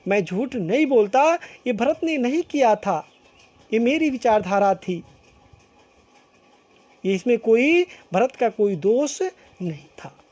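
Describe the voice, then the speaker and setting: Slow, repetitive woman teacher. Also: on the high side, animated, a little mellow, lo-fi sound. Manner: slow and repetitive, rephrasing each line several times. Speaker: school teacher. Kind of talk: explaining a poem line by line in class.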